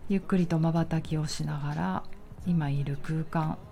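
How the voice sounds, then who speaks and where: A low-voiced woman leads a grounding meditation in a dark, relaxed tone. She takes her time, leaving soothing pauses between instructions. Faint music plays behind her. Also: gravelly. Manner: slow, pausing, soothing delivery. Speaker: relaxation exercise guide.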